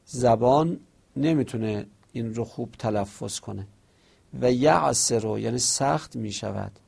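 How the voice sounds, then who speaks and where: A male seminary teacher with a gravelly, rough-edged voice at a middling pitch. He reads each line of an Arabic text slowly, then explains it in relaxed conversational speech. Now and then he asks and answers the book's questions in a livelier tone. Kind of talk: classroom lecture reading and explaining an Arabic text.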